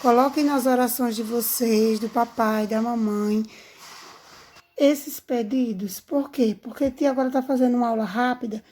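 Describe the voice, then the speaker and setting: A woman's voice: fairly high pitch, steady tone, normal speed, darkish tone, slight background noise. A woman teaching young children a remote lesson, speaking in a sing-song, affectionate teacher manner, recorded on a phone. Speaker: primary school teacher.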